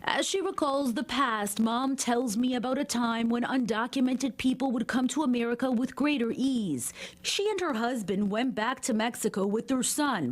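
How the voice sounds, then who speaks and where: A woman reporter voices a scripted news package, with a somewhat high pitch. She keeps a measured, even broadcast delivery. Every sentence is written out and smoothly read.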